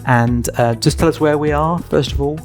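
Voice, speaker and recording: A man's voice: a little high, steady tone, normal speed, darkish tone, soft background music. A man hosting a podcast and interviewing his guest conversationally. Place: church side hall.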